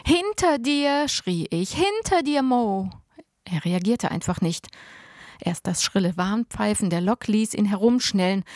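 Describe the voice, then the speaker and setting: Woman narrator, first-person audiobook, expressive, close dry sound. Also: medium pitch, no echo. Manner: lively, expressive reading.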